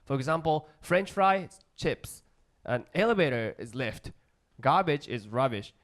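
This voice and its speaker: Animated Japanese-accented male stand-up comedian. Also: medium pitch. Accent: strong Japanese. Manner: simple halting English, acts out short dialogues. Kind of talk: stand-up comedy routine before a live audience.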